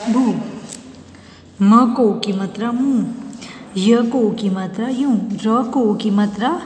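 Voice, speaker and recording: A woman teacher giving a recorded lesson to young pupils, slowly repeating each word twice for them to echo. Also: mid-range voice, darkish tone. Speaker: school teacher. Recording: echoey room with long reverb, faint hum.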